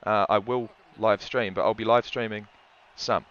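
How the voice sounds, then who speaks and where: Chatty bright-voiced New Zealand man streaming. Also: on the low side, steady tone, moderate pace, lo-fi sound. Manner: rambling, chatty, restarts often. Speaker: livestream commentator. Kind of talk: casual play-by-play and chat reading.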